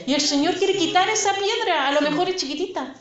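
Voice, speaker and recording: A woman's voice: very high voice, a little fast. A woman preaching a sermon in a church, speaking earnestly and addressing listeners as sister. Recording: echoey church hall, dull sound, congregation.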